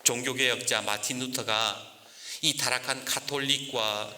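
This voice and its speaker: A man's voice: fairly high pitch, pushed and bright. A male pastor preaching a dramatic sermon in a church, acting out scripture quotes. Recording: echoey church hall.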